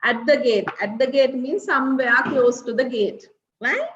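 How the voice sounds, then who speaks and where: A female English teacher leads a recorded revision lesson for grade six, tacking "right?" and "okay?" onto nearly every point. Her voice sits high and moves at a moderate pace. The lo-fi recording sounds roomy and dull, with a faint hiss or hum.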